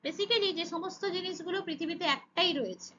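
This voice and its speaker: A woman's voice: very high-pitched, fairly quick, bright, forceful tone, dull audio, slight background noise. A woman teaching English grammar to children, speaking with a Bengali accent, asking and answering her own questions and saying "okay" often. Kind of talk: explaining grammar lesson.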